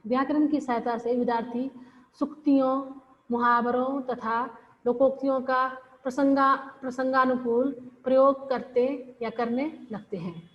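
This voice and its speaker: A woman's voice: sits high, fairly even intonation. Woman teaching in a reverberant room. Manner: explains slowly with repeated phrases and pauses. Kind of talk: classroom lecture. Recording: dull lo-fi audio with long reverb.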